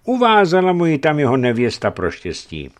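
A man's voice: on the high side, wildly swooping pitch, voice pushed up. A man voicing a tall, red-bearded male merchant who jokes and bullies his way past a guard. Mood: bantering. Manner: joking, brash.

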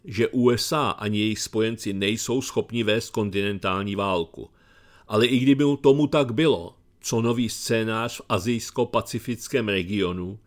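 A middle-aged man with a Czech accent, reading his commentary aloud in a dry, sardonic tone. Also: fairly low pitch.

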